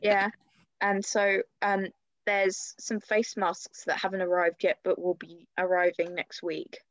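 A woman's voice: mid-range voice, level tone, unhurried, dry recording. A young woman in her twenties co-hosting a casual podcast, chatty and playful, teasing her friend and laughing often. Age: 20s. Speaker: podcast co-host. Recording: slightly dull lo-fi sound.

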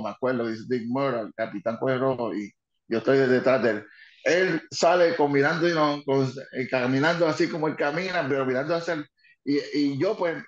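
An older man, a former wrestling manager telling lively stories and slipping English phrases into his talk. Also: medium pitch. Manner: lively, mixes in English phrases, many restarts. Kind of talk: animated anecdote telling. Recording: dull, roomy recording.

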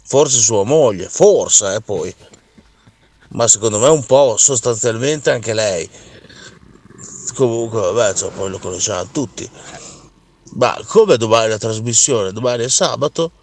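Man, fairly low voice, a little distant from the mic, blunt, colloquial, mildly profane message. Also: lively intonation, measured pace, pauses often, a little mellow. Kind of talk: casual spoken message.

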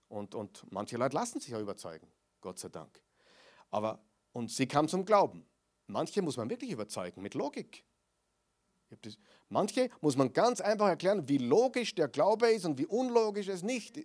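A man preaching a sermon, often asking the congregation questions and swinging from loud declarations to quiet asides. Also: mid-range voice.

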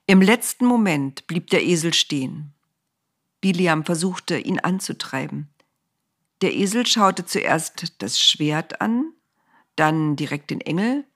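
A woman narrating a children's storybook aloud in an expressive, lively way. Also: lowish voice, slow pace, slightly rough.

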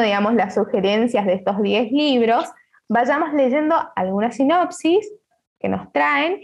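A woman's voice: on the high side, vocal fry, dull audio. A woman with a Rioplatense Argentine accent hosts an online book club in a chatty, playful way, full of asides and restarts, over a video call.

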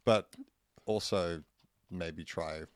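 A man's voice: deep voice, drawn-out words, no echo, clean studio sound. A man co-hosting a podcast, speaking in a laid-back, casual way. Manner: laid-back, brief interjections. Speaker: podcast co-host.

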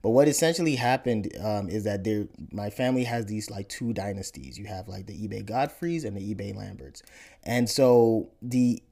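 In a relaxed interview chat, this man from Nigeria, in his thirties and a podcast host himself, describes his family history. His voice is lowish and creaky at a normal speed, with frequent repeated words as he thinks aloud.

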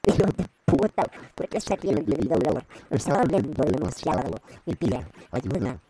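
A half-robotic, filtered voice of a cow-faced male mutant, played by a man, stammering and wailing. The tone is dark and muffled but swoops widely up and down. Faint hiss sits under it. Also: mid-range voice, sing-song, moderate pace. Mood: pained pleading. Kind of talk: amateur comedy skit.

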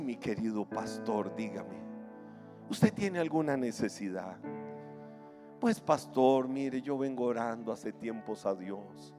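A man voicing a devout elderly churchwoman, who speaks softly and sweetly but bursts into shrill shouted praise, heard with long hall reverb and faint music. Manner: soft, low, sweet when speaking calmly. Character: elderly churchwoman, fervent, loud, devoted.

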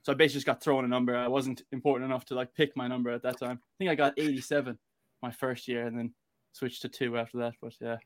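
A man's voice: mid-range voice, little pitch movement, fast talker. A man from Galway with a west of Ireland accent, talking informally and rambling a little as a guest on a casual podcast. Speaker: interview guest, American football player.

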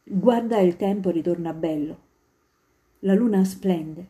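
A woman reading a storybook and voicing a cheeky, mischievous little boy in a high, teasing tone. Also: takes it slowly, mellow. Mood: playful.

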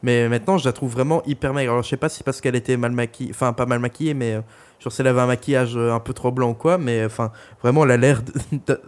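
A man's voice: mid-range voice, fairly even intonation, rapid-fire. Young man joking through an album review. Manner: joking, crude, rambling with many fillers. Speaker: podcast co-host reviewing an album. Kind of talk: casual chat.

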